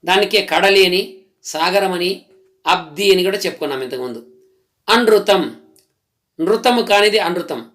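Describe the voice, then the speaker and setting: A man's voice: high voice, normal speed, pauses often, a bit bright. A man teaching Telugu grammar, listing words one at a time and explaining each one patiently. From Telugu-speaking region of India. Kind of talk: slow explanatory lesson.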